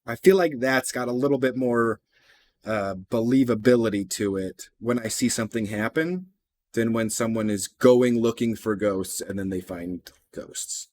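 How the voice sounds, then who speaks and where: A man's voice: mid-range voice, normal speed, a little mellow. A man hosting a reaction video, chatting casually with skeptical asides and the odd swear word.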